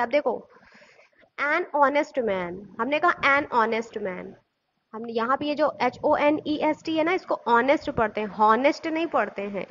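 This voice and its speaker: A woman's voice: high-pitched, a bit bright, muffled recording, slight background noise. A woman teacher giving a classroom grammar lesson. She asks questions, answers them herself, and spells words out letter by letter. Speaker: school teacher.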